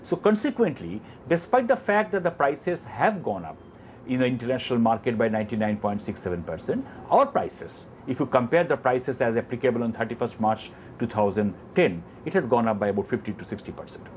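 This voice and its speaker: A man in his fifties with an Indian English accent, a company chairman on a lapel mic in an office, explaining prices in a measured, detailed way with numbers and restarts. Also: mid-range voice, sing-song, a little hiss or hum. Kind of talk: explanatory business interview. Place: office with armchair, indoors.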